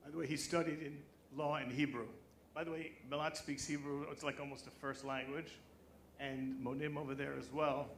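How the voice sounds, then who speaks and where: A man's voice: a little high, flat delivery, normal speed, fairly bright tone. A man moderating a panel before an audience at a live conference. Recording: clear background noise, live conference stage.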